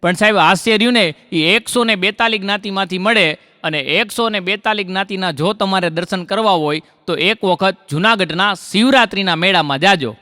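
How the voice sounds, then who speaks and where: A stand-up comedian doing Gujarati folk comedy recites rhythmic rhymed couplets before launching into rapid jokes for a laughing live audience. His high-pitched man's voice sounds pushed and bright, recorded on a dry close mic with hall reverb.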